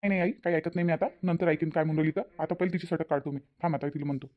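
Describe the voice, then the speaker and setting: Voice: medium pitch, fairly even intonation, racing, natural voice. A performer voicing a stubborn, hot-tempered adult son in a cartoon, with a Vidarbha Marathi accent. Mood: angry. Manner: scolding, stubborn. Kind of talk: cartoon voice acting. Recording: dull lo-fi recording.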